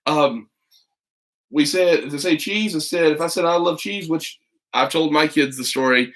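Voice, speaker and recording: This middle-aged American host, who is from the United States, speaks a little slowly in a slightly high voice with a fairly bright tone. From a makeshift corner of his home, he chats aimlessly with viewers and a child during a casual livestream, reading stories like a teacher.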